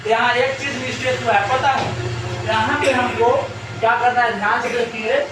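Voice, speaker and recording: A man teaching English grammar to a class. He keeps asking quick questions and repeats the answers. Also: very high voice, steady tone, recorded from a distance, noisy background. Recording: very echoey room, voice from off the mic.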